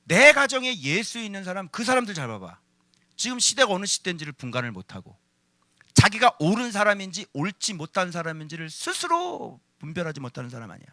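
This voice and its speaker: Pastor guy, really high bright voice, preaching loud then soft, dry close mic. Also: a little fast, no room sound. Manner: animated preaching, shouting and then dropping low, questions to the listeners; scolding rhetorical questions in plain speech. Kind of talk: sermon.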